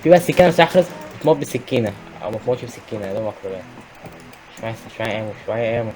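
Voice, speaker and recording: A young man with an Egyptian Arabic accent giving excitable gameplay commentary, often shouting at enemies. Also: fairly low pitch, very fast, over music. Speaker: gaming YouTuber.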